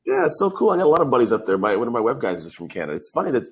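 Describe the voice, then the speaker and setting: Rapid-fire and sing-song, this mid-range voice belongs to a young man from California's Bay Area who hosts a podcast. His casual interview chat is full of enthusiasm, slang, and filler words.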